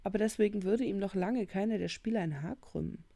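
A woman reading a novel aloud at home into a new microphone with steady, measured narration. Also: medium pitch, gravelly, no echo. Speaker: audiobook reader.

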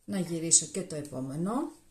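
In her home kitchen, a Greek cooking vlogger chats informally with viewers while showing her steps, her voice low and darkish with lively intonation. The countertop camera captures slight background noise and plenty of echo.

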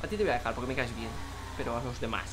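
A young man with a Spain Spanish accent giving excitable live gaming commentary, swearing and yelling at other players. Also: medium pitch, racing, noisy background. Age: young adult. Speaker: gaming YouTuber.

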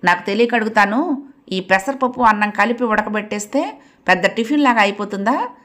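A woman's voice: mid-range voice, expressive, a little fast, a bit bright, lightly acted. A woman reading the lines of a lazy, petulant teenage son who complains about his breakfast. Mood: irritated. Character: sulky teenage boy, lazy, grumbling.

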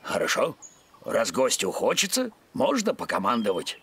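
A man playing a gruff but obliging old grandpa bumblebee general in a children's cartoon, with a gravelly voice. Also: medium pitch, huge pitch swings, normal speed, a bit bright, heavily acted.

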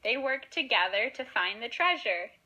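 A woman telling a cartoon story in a simple, earnest manner. Her voice is clear and bright, pitched somewhat high. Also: big pitch swings, moderate pace, low-quality recording. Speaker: narrator. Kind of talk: storybook narration.

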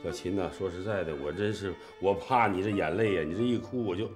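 A man's voice: deep voice, a little fast, soft background music, close to an everyday voice. An older actor playing a kindly old man who coaxes and fusses over a sick young woman in a TV drama. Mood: coaxing. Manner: coaxing, fussing, repeats himself. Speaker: elderly caretaker. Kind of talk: TV drama acting.

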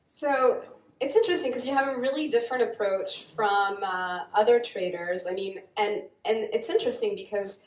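A woman's voice: medium pitch, normal speed, a little hiss or hum. A woman moderating a panel, asking questions in a chatty, slightly hesitant way. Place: coworking space event room. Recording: echoey room from far off.

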